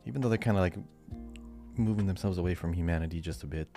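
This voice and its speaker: Quick-paced and dark in tone, a low-pitched man co-hosts a podcast and runs its quiz. The talk is casual and conversational, and faint music can be heard behind him.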